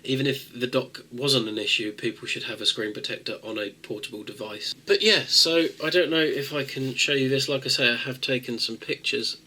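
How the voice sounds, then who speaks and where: Brisk and barely pausing, a man with a head cold hosts a tech video, his mid-range nasal voice steady, pushed and bright. He rambles casually through the fix, packing in fillers and starting over often.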